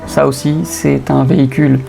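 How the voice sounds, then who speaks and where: A man's voice: mid-range voice, little pitch movement, normal speed, gravelly, dark tone. A young man hosting a car channel, talking in casual, joking, slang-filled voice-over with hesitations. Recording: faint music bed behind voice. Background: faint lofi music.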